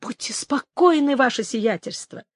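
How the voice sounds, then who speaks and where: A woman doing a brisk, eager male priest. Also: sits high, lively intonation, no room sound, studio quality, voice pushed up. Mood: reassuring. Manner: brisk, raised and reassuring.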